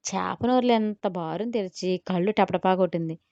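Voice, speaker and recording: Woman reading an audio story, smooth clear voice, dry kinda muffled sound. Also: lowish voice, moderate pace, dark tone, no room sound. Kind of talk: scripted story narration. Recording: slightly dull audio.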